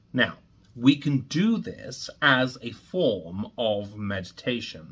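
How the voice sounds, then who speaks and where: A man's voice: on the low side, fairly bright tone, slightly rough. A man presenting as a meditation teacher, explaining techniques to viewers in an earnest, emphatic coaching manner with rhetorical questions.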